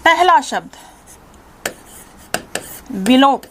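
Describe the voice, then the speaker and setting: During a psychology class, a teacher asks questions and supplies the answers herself before restating a definition slower each time with heavy emphasis on key terms. Her voice is high, fairly bright and lively in intonation, with a faint hiss or hum.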